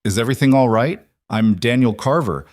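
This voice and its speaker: A man's voice: mid-range voice, fairly quick, darkish tone, dry recording, natural voice. A polite businessman speaks up with courteous confusion, as a male narrator plays him. The sound is close and dry.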